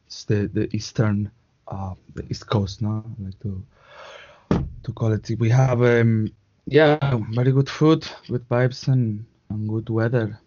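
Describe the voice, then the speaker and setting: Man, Spanish accent, native Catalan speaker, halting casual talk, mellow voice, dull lo-fi call sound. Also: fairly low pitch, steady tone. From Spain. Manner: halting, restarts often, tag questions. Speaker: guest. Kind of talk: casual interview chat. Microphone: video call. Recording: muffled lo-fi call audio.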